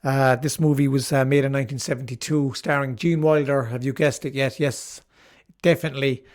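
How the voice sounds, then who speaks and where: A man's voice: medium pitch, fairly even intonation, a little fast, a little mellow. A middle-aged man hosting his own channel, talking casually and enthusiastically about favourite films, with frequent fillers and restarts. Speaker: channel host reviewing films. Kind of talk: casual video commentary.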